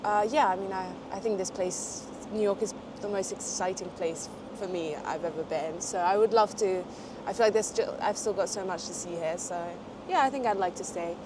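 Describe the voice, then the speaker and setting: A woman's voice: mid-range voice, moderate pace, few pauses. A young woman from Portugal, French by first language, speaking English with a British-tinged accent in a casual street interview, chatty and hesitant with lots of fillers. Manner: chatty, hesitant with frequent fillers and small laughs. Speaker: interviewee, graduate student. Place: outdoors on a city street, traffic behind. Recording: outdoor street noise.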